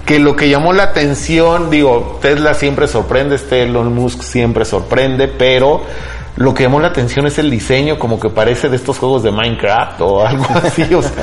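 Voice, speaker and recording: A podcast host, middle-aged with a Mexican accent and a mid-range voice, talks at a moderate pace about tech news. His style is casual, colloquial and conversational, often seeking agreement with tag questions, with background music underneath.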